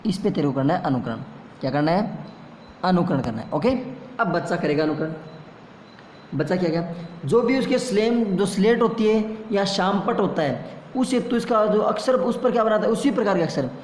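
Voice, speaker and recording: High-voiced man teaching in an echoey room. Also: lively intonation, normal speed, darkish tone, a little hiss or hum. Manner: repeats questions and answers them himself. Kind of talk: classroom lecture. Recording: echoey room with a long reverb.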